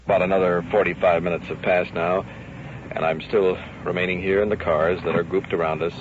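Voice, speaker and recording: A low-voiced man with little pitch movement talks briskly, improvising on-scene radio narration during a police ride-along. This old field recording, made outdoors and in a police car, has its highs cut off and background noise from traffic and police radio.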